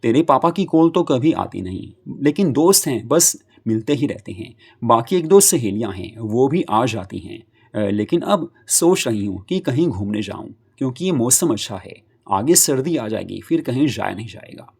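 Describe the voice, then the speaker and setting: Man doing a middle-aged mother, reassuring, lively rise and fall, husky. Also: medium pitch, moderate pace, few pauses, full character voice. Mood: fond. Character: middle-aged mother, cheerful yet lonely.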